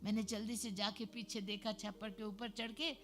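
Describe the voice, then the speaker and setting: A woman giving her personal testimony to a church congregation, telling the story in a lively way with emphatic hallelujahs. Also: mid-range voice, moderate pace, a little hiss or hum.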